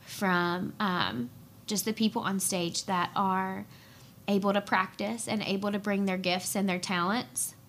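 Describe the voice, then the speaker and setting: An earnest young woman shares her personal story as a podcast guest, speaking from the heart. She talks with an emotional, unpolished flow, often stopping to gather herself with a soft "um". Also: mid-range voice, fairly even intonation, a little hiss or hum. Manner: earnest and emotional, with frequent "um" pauses. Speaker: podcast guest, worship leader and pastor's wife.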